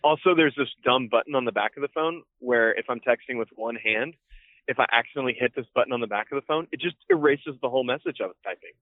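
A fast-talking man with a mid-range voice chats casually as a phone-in guest, his voice thin, band-limited, dry and close over an old flip phone line. He's loose and laid-back, full of fillers and casual swearing, and there's no room sound.

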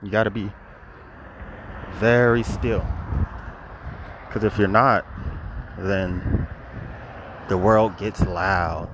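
Male, low register, earnest repetitive spiritual talk, recorded outdoors. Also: steady tone, extremely slow, long pauses. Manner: earnest, preachy, repeats phrases. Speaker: vlogger. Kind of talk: spiritual monologue. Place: outdoors by a road. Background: passing cars and wind.

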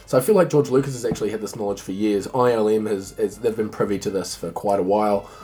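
A man's voice: on the low side, fairly even intonation, quick pace, warm tone. A man with an Australian accent chatting casually and jokily as a podcast host, in a blokey way. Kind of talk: casual comedic chat.

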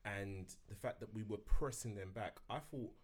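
Lower-voiced man breaking down a match. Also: moderate pace. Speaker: podcast co-host. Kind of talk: casual football chat.

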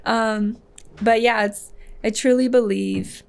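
A woman's voice: fairly high pitch, steady tone, takes it slowly, creaky. A woman hairstylist chatting as a podcast guest, laughing often and filling her talk with "like". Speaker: hairstylist and salon owner, guest. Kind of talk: casual podcast conversation.

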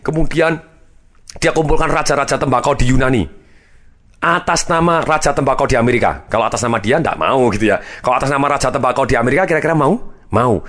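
A man giving a money management lecture, telling a story and acting out its quoted dialogue with animated shifts. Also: medium pitch, quick pace.

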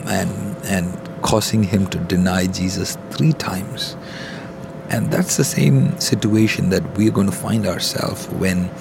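A low-voiced man records an informal devotional podcast in an airport terminal, with rumbling noise behind him. His voice is gravelly, and he teaches earnestly as a pastor, halting and restating phrases.

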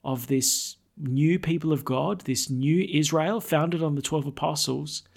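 A man speaking as a priest, giving scripture readings and a sermon in a measured, solemn, declamatory way. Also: on the high side, vocal fry.

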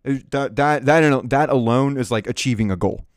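A man's voice: medium pitch, moderate pace, no echo, studio quality. A man guest on a podcast, talking animatedly, swearing a lot and repeating yeah yeah yeah. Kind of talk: casual podcast chat.

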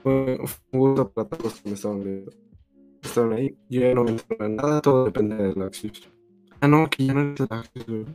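A young Mexican man talks in a mid-pitched voice, casual and slangy, as on a stream with friends. He swears now and then, and faint guitar music plays behind him. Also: a little fast, a little mellow. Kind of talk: casual chat on a livestream.

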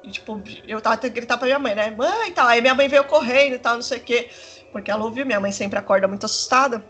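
A woman, telling a personal story in casual chat, rambling and animated with many fillers. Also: a little high, racing, soft background music. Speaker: storyteller in a conversation.

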